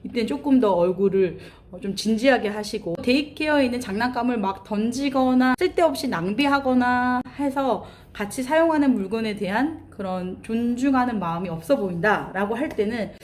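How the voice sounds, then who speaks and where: Woman teaching patient, slow English phrases. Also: a little high, darkish tone. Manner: slow, carefully sounded-out English example phrases between brisk Korean explanations. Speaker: English teacher for daycare staff. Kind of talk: spoken English lesson.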